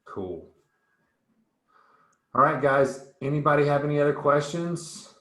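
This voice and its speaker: A man's voice: a little high, expressive, measured pace, a bit bright, echoey room. A man coaching a group on nutrition in a casual, upbeat way, rambling a little and often restarting words.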